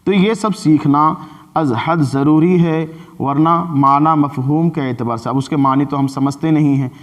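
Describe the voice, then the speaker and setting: Teaching Quran recitation at a mosque, a man with a fairly high voice and an Indian Urdu accent explains with patience, easing his pace whenever he chants an example.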